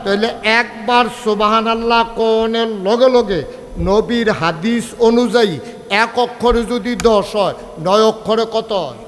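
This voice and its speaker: Male preacher, high voice, sing-song storytelling sermon, long hall reverb. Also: measured pace. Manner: sing-song, animated storytelling, calls crowd to answer. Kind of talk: Bengali village sermon (waz).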